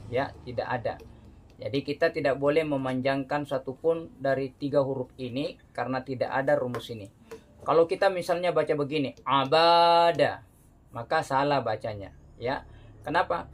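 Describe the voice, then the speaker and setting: A man teaching beginners to read the Quran, explaining each rule patiently, adding "ya" after phrases and drawing example words out slowly. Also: mid-range voice, slight background noise. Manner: frequent "ya" tag after phrases. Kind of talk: step-by-step recitation lesson.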